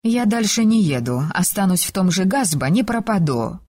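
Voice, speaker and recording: A woman reading an audiobook and voicing a quiet young seamstress who speaks calmly and firmly. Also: mid-range voice, normal speed. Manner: calm, firm and quiet. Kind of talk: audiobook character voice.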